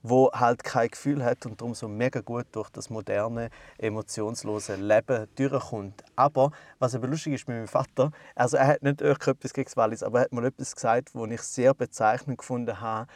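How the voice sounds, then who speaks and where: A man's voice: mid-range voice, fairly even intonation, brisk, few pauses, darkish tone, no echo. Playful rambling Swiss German man. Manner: playful, rambling, hesitant with many fillers. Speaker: podcast co-host. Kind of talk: casual banter.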